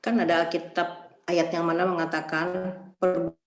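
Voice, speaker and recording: A middle-aged woman with a lowish voice asks a rambling question, searching for her words. Her video call keeps breaking up and dropping out. She sounds like she is in a hollow, echoing room. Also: level tone, moderate pace, soft background music. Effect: call audio breaking up and cutting out. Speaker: participant asking a question. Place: borrowed room with wifi, not home. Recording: echoey room over a choppy call.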